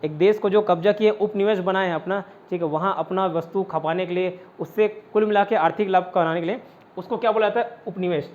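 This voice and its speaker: High-voiced male tutor, lo-fi recording. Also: a little fast, darkish tone. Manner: explains step by step, asks and answers own questions; often adds "ठीक है" to check understanding. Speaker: teacher. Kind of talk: online exam-prep lecture. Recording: dull lo-fi online class recording.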